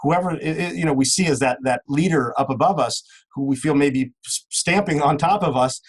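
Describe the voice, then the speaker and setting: A man's voice: fairly high pitch, brisk, slightly rough, low-quality recording. A man talking as a guest in a casual interview, rambling with many restarts and fillers.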